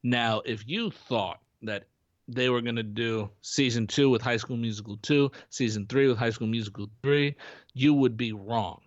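A man's voice: mid-range voice, moderate pace, no echo, dull audio. A man co-hosting a podcast in casual chat, rambling with many restarts and fillers. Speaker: podcast co-host. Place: home in Florida.

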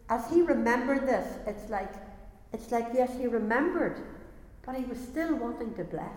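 A woman's voice: a little high, a little mellow. Lady preaching, earnest, repeats herself a lot, big echoey hall with a long ring. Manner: earnest, repeats words as she builds each point. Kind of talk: sermon. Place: church or hall, before a congregation.

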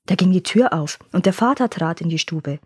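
Lady reading old fairy tales, breathy, dry close mic. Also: on the low side, no echo. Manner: calm, lively storytelling, slows for suspense. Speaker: storyteller.

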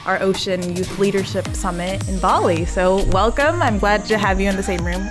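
A woman's voice: medium pitch, moderate pace, music in the background. A woman hosting a podcast interview in a casual, informal, chatty style. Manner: informal, reacts with short interjections. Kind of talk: casual chat.

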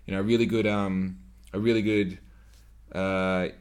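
Low-voiced man in his twenties rambling on a podcast. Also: level tone, normal speed, a little mellow, clear, resonant tone. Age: 20s. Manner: rambling, profane, filler-heavy with frequent "like". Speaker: podcast host. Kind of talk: solo podcast monologue.

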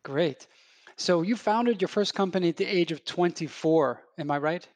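A man hosting a podcast, introducing a guest and asking questions in a relaxed, conversational way. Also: sits high, normal speed, no room sound. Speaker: podcast host. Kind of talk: podcast interview.

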